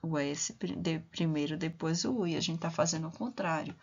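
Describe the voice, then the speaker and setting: A woman teacher, giving a primary school reading lesson and slowly sounding out syllables one by one. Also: low voice, gravelly, husky, dull audio. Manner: slow and deliberate, sounding out syllables.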